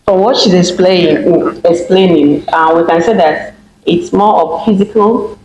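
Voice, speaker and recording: A host opening a casual talk show and asking the guests questions in a plain, steady way. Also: medium pitch, measured pace, roomy sound, dull audio.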